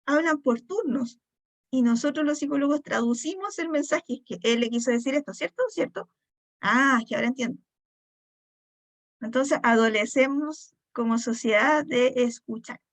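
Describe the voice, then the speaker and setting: A woman psychologist gives a training lecture, acting out little dialogues and checking in with her listeners. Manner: acts out quoted dialogue with jumps in pitch; repeats key points and checks in with "¿ya?". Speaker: psychologist teaching a training class. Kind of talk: lecture with acted-out examples.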